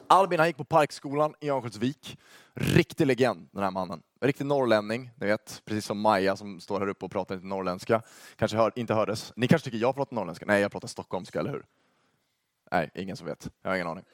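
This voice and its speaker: A young man telling a story to a youth audience in a lively, joking way, speaking straight to the listeners. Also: fairly low pitch, dry recording, studio quality.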